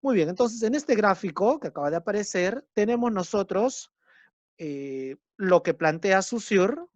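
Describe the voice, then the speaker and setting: High-pitched and unhurried, with lively intonation and no room sound, a man lectures to his class on a dull lo-fi recording. His explanations are patient, he repeats important terms, and he often tacks on tag questions to check understanding.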